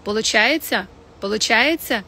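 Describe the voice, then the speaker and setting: A woman teaching French pronunciation in a casual live stream, chatting with viewers and modelling words slowly. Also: on the high side, sharp tone. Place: home, in the evening.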